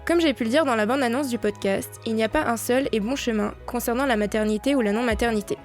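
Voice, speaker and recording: A woman host reading her podcast's introduction, speaking directly and clearly to the listener. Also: a little high, fast talker, faint music behind.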